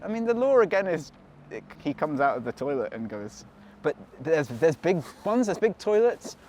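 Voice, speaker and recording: A man's voice: on the high side, very animated, normal speed, darkish tone, slight background noise. A man in casual podcast chat about games, talking in a playful, bantering way.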